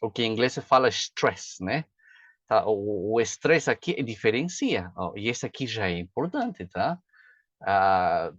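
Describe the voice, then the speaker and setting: Chatty teacher, dull dry recording. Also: male voice, mid-range voice, a bit bright, dry recording. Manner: chatty, frequent "tá?" and "né?" check-ins. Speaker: pronunciation teacher. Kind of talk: casual video lesson.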